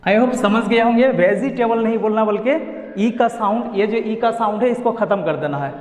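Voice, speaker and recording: A man's voice: high voice, normal speed, darkish tone, reverberant, big-room sound. A man with a Bihari Hindi accent teaching English pronunciation, spelling words out letter by letter. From India. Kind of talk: spoken lesson.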